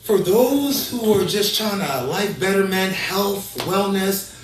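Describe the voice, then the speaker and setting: A man in his thirties hosting a casual talk show, energetic and rambling, often restarting his sentences. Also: sits high, slow, echoey room, recorded from a distance, a little hiss or hum, poor audio. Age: 30s. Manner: energetic, rambling, self-correcting. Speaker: host.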